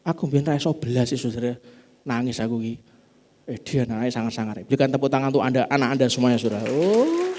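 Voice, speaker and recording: A man with a Javanese accent preaching a sermon in church, acting out family dialogue in high voices. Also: very animated, fast, a little mellow. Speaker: pastor.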